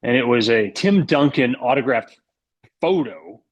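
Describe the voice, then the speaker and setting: A man's voice: mid-range voice, lively intonation, measured pace, highs cut off. A man in his thirties chatting casually as a podcast guest, joking and rambling through anecdotes. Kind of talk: casual sports chat, anecdotes.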